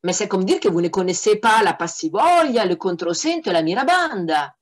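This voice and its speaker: A crafty old saint bluffs his way past devils with cheerful self-importance, as a woman reader voices him. His lines ride up into a lighter, lively tone. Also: medium pitch, normal speed. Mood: astonished. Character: Saint Anthony, crafty confident old holy man.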